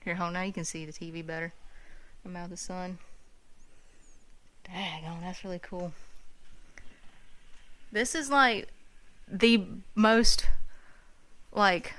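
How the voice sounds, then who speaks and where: A woman vlogging a walk through a historic house museum, gushing and excited, filling her talk with "like" and "oh my God," hot and sweaty from the day. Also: lowish voice, slow, pauses often, rough recording. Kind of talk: walking tour vlog.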